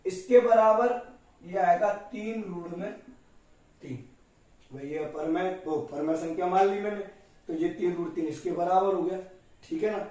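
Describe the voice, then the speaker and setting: A man's voice: sits high, measured pace, mellow. A male math teacher who explains step by step and keeps addressing his students fondly. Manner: explains step by step, often calls students "beta". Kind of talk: classroom math lesson. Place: classroom with a board. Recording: very echoey room, voice from a distance.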